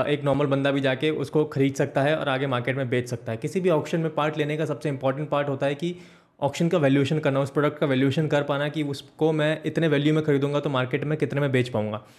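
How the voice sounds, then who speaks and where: A young man in his twenties hosting his channel, explaining to camera with a steady, brisk delivery that mixes in English words. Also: fairly high pitch. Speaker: channel host. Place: indoor studio with green backdrop. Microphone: desk microphone in front.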